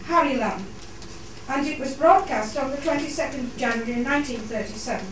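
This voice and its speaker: On stage in a theatre, a woman hosting for a society gives a formal welcome and introduces a play to the audience. Her voice is high and brisk, and the recording is noisy, echoey and made with a distant mic in the hall.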